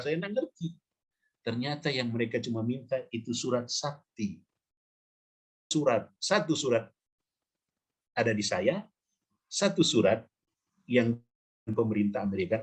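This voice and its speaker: A middle-aged male pastor speaks with a husky, somewhat rough voice. He tells stories in an animated way, acting out the people in them, and his pitch stays middling. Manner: animated storyteller who acts out the people in his story. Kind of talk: preaching story in a podcast.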